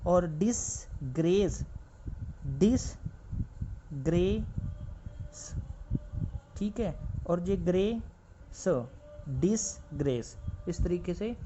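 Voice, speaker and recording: A man's voice: sits high, dark tone. A man teaching a stenography class, explaining shorthand strokes as he writes and repeating each word several times. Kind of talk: shorthand lesson, explaining while writing. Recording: slightly dull lo-fi recording with faint background noise.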